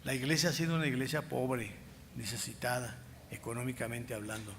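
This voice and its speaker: An older man with a Mexican accent, a pastor preaching a sermon with personal testimony, speaking emphatically and slowing down as his voice swells louder on key points. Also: mid-range voice, fairly even intonation. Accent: Mexican Spanish. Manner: emphatic, slow stretches rising in loudness, acts out past dialogues. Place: church sanctuary. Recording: long church reverb, faint room noise.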